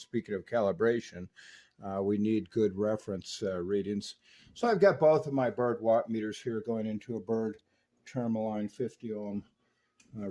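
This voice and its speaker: A radio restorer with a darkish, mid-range voice gives an unscripted, hands-on demonstration of equipment. He explains each step methodically.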